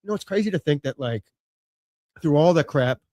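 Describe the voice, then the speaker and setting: A man's voice: on the high side, expressive, a little fast, warm tone, no echo. Rambling man in his late thirties. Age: late 30s. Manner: rambling, full of "you know" and "like", casual swearing. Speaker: podcast guest. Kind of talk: casual conversation.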